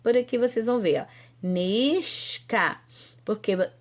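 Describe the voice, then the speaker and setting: A woman's voice: fairly high pitch, lively intonation, warm tone. A woman with a Brazilian Portuguese accent teaching an online Hebrew lesson, explaining patiently and drawing out each example word. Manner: slow, patient explaining, drawn-out example words, frequent "então".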